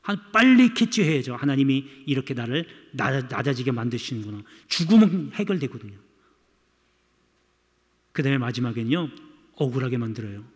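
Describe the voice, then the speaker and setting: In a church sanctuary with a big-room sound, a male pastor preaches a sermon in a medium-pitched, very animated voice, going a little fast. He speaks emphatically and addresses the congregation again and again.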